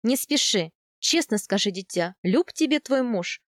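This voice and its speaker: Earnest older nobleman, read by a woman, calm questioning tone, dry recording. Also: fairly high pitch, measured pace, no echo.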